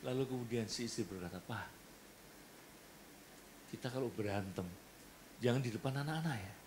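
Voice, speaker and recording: A man with an Indonesian accent preaching a sermon in a church, animated and acting out the people in his stories. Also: mid-range voice, moderate pace, a little hiss or hum. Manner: animated, acts out quoted voices and jokes. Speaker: pastor. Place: church hall.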